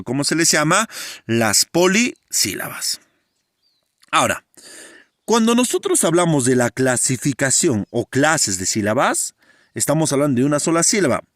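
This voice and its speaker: A male teacher giving a grammar lesson, often asking his students questions and drawing out key words slowly. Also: fairly high pitch, dry recording, clean studio sound. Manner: animated, asks students frequent questions.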